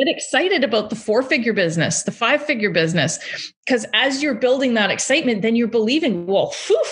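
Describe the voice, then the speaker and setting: A bubbly woman talking business on a podcast, her slightly high voice bouncing up and down with excitement. She laughs easily and acts out little imagined quotes as she goes. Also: fast. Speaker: podcast co-host, business coach. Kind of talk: casual chat.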